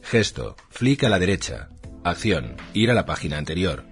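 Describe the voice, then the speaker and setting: Reading an instruction manual aloud, a low-voiced man works through short labelled items in a formal, sing-song way, his intonation rising and falling noticeably. He keeps a normal speed, with faint music behind him.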